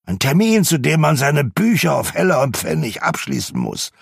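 A man's voice: on the high side, huge pitch swings, moderate pace, creaky, slightly rough, no room sound, studio quality, pitched above the performer's own voice, full character voice. A man doing grumpy old Scrooge. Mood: ranting. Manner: snarling, scornful outbursts.

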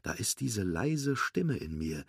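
A man's voice: lowish voice, sing-song, slow, vocal fry, husky, no echo, clean studio sound, exaggerated voice. A man voicing an anxious, loyal male cowboy toy in a storybook read-aloud, speaking earnestly and a bit flustered.

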